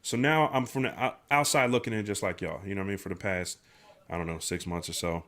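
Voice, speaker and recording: Talking fast in a low, fairly bright voice, a nasal-sounding livestream host with a sinus infection keeps his chat casual and slangy. Fillers and false starts come up constantly.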